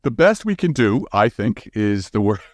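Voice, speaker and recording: A man with a fairly low voice and wide pitch swings talks at a normal speed, recorded dry in a clean studio. He's an astrophysicist and author appearing as an expert guest in an interview, explaining things casually and emphatically and often tossing in "right?"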